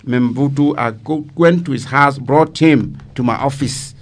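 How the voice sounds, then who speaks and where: Being interviewed, an older man with a Cameroonian accent who retired as an army commander, aged 70 or more, shares memories in a mid-range voice at a slightly slow pace. He is emphatic and repeats phrases for weight.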